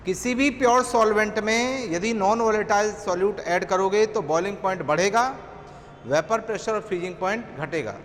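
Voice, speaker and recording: A middle-aged man with an Indian accent teaching chemistry, dictating notes slowly and repeating phrases word by word. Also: high voice. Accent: Indian English. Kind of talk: dictating a lecture. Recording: echoey room, long reverb, faint noise.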